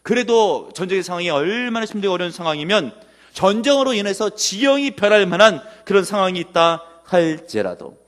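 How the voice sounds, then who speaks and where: Korean pastor preaching, lively and booming. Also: male voice, fairly quick, big-room sound. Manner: rising to loud emphatic declarations. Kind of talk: sermon. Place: church sanctuary.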